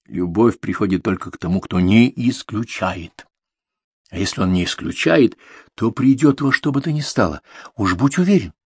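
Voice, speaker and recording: A man's voice: on the low side, expressive, moderate pace, husky, no room sound. A man narrating a confessional story in an intimate way, speaking to his son. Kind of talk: audiobook reading of a confessional novel.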